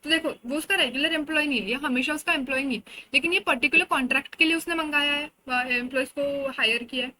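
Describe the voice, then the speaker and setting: Bright, high-voiced Indian woman teacher. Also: quick pace, rough recording. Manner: conversational, explains with everyday examples and frequent "theek hai". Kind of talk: exam-oriented lecture.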